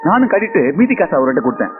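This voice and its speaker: Humble young fellow, quick lively talk, tinny movie sound, music behind. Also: male voice, sits high. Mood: earnest. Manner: polite, deferential, says sir. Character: humble young man pitching a bill-paying idea. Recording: phone-like band with film music.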